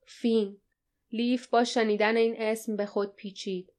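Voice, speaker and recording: A woman narrating an audiobook in a steady, dramatic storytelling style. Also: fairly high pitch. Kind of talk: scripted narration.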